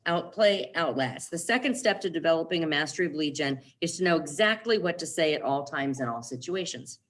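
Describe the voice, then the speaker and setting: A middle-aged woman giving an upbeat, emphatic sales training talk in a training room, leaning on repeated catchphrases. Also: sits low. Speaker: real estate team leader and trainer.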